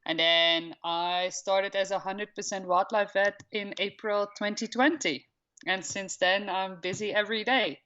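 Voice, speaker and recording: A woman's voice: mid-range voice, steady tone, measured pace, pushed and bright, highs cut off. A woman in her thirties from the Netherlands with a Dutch accent, answering interview questions in a plain, matter-of-fact way. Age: 30s. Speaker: wildlife veterinarian, guest.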